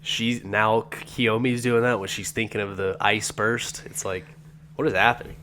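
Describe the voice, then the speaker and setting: A man with a fairly low voice co-hosts a podcast, with faint noise behind him. He banters casually and comically. His talk is boastful and full of swearing. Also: fairly even intonation, normal speed, bright, forceful tone. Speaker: podcast co-host.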